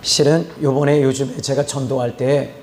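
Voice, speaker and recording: A man's voice: medium pitch, fairly even intonation, normal speed, a little mellow, reverberant, a little hiss or hum. A male pastor preaching a sermon, emphatic, often asking rhetorical questions and telling stories.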